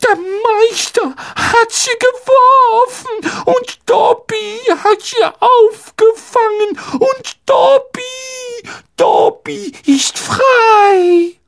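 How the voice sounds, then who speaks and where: An audiobook reader voicing a male house-elf servant who talks in a squeaky, shrill, slow and tearful way. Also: vocal fry, a bit bright, full character voice. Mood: astonished, tearful. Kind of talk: audiobook reading.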